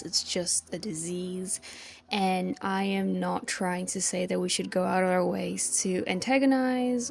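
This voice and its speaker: A young woman speaking a quiet, earnest, measured aside, recorded on a phone with low audio quality. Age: young adult. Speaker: video essayist. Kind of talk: casual spoken aside.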